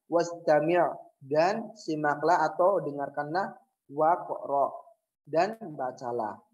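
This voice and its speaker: A man's voice: a little high, a little mellow, slightly rough, highs cut off. A male teacher giving a language lesson, patiently drilling words and asking the class questions he then answers himself. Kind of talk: classroom lesson, reading words aloud for students to repeat.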